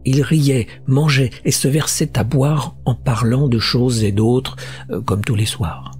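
A man's voice: mid-range voice, steady tone, a little slow, darkish tone, slightly rough. Man reading a horror story aloud. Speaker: audiobook narrator. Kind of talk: scripted narration of a horror short story. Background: faint music.

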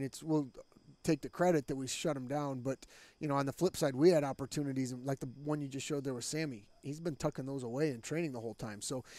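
Wearing a headset mic in a small green-backdrop studio, this middle-aged head soccer coach gives a frank, conversational postgame interview peppered with fillers. His voice is mellow and medium in pitch, and the recording is dry.

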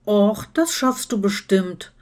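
A woman's voice: medium pitch, animated, slow pace, darkish tone. A woman voicing a dreamy, blunt witch in a storybook reading, speaking in a light, offhand way. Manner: offhand, light, matter-of-fact.

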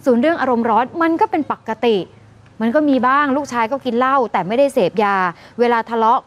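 A woman news anchor addressing viewers and recounting a crime story in a brisk, emphatic way. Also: high-pitched, dull audio. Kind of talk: news commentary.

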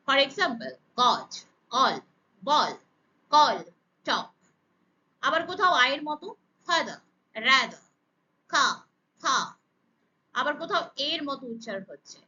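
A woman teaching English pronunciation, slowly spelling out letter sounds one by one in a deliberate, emphatic way. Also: high voice, sharp tone, highs cut off. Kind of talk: slow, deliberate pronunciation lesson.

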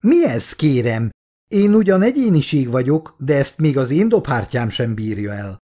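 A man's voice: mid-range voice, big pitch swings, dark tone. A man voicing an offended, self-important older male neighbour who talks in an indignant, fussy way.

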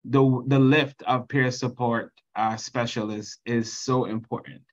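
A man's voice: medium pitch, steady tone, measured pace. Trinidadian man, 30s, earnest conference presenter over a slightly muffled video call. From Trinidad and Tobago. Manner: earnest, reads slide text then explains.

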